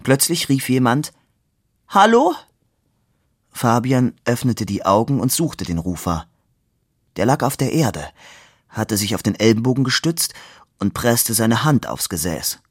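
A man reading a novel aloud in a measured, expressive way. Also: mid-range voice, dry recording, studio quality. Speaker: reader. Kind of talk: literary reading.

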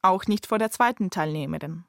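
Calm female documentary narrator. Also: on the low side, brisk, vocal fry, no room sound, clean studio sound.

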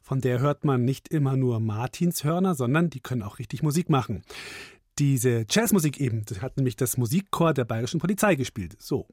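A man's voice: medium pitch, animated, brisk, darkish tone, no room sound, clean studio sound. A man hosting a children's radio podcast, chatting directly to young listeners. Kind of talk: casual friendly presenting for children.

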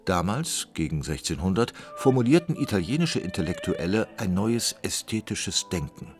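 A man reading a scripted radio documentary in a measured, explanatory manner. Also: low voice. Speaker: documentary narrator.

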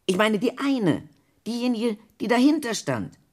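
A woman's voice: fairly high pitch, very animated, a little slow, a little mellow. An actress playing Rosalie, a dreamy woman who invents whole worlds, in a surreal radio play, musing and half-absent.

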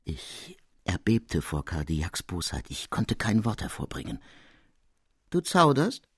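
A man narrating an audiobook in a measured storytelling manner. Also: sits low, lively intonation, slightly rough, dry recording, studio quality.

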